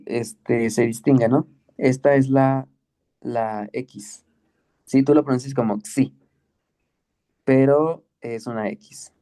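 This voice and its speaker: A man teaching the Greek alphabet in an online class, patient and slow, often checking with "¿ok?". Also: on the low side, gravelly, warm tone. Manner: patient, explains slowly with many checks like "¿ok?" and "¿sí?".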